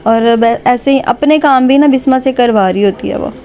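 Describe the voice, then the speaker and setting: A woman with a Pakistani Urdu accent talks over her family vlog, rambling along with plenty of conversational fillers. Her voice sits a little high and sounds soft and mellow. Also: moderate pace. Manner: chatty and warm-hearted, with frequent conversational fillers. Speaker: vlogger.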